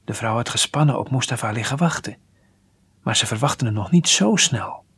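A man calmly reading a children's story aloud, sometimes dropping to a near whisper. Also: mid-range voice, moderate pace, breathy edge.

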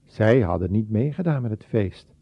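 A man narrating a Bible story slowly and dramatically, lifting his voice for quoted speech. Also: on the low side, expressive, vocal fry, breathy edge, no room sound. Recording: dull, lo-fi.

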